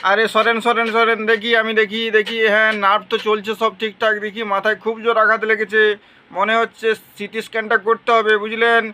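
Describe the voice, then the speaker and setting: A woman voicing a calm, reassuring male doctor in a doll puppet show. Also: a little high, a little fast. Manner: soothing, matter-of-fact.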